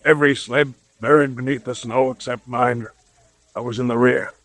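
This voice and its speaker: A man's voice: medium pitch, steady tone, moderate pace, fairly bright tone, dry recording, natural voice. An actor playing a desperate, exhausted male survivor, gasping, in a 1930s radio drama. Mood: desperate, spent. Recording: vintage 1930s radio recording.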